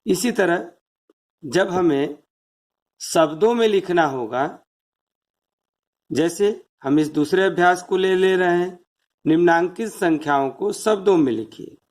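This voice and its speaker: A teacher walks through a math lesson at an unhurried, deliberate pace. Each place value is counted out in turn. Rhetorical questions are dropped in to keep the listener following along. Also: mid-range voice. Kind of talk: step-by-step classroom explanation.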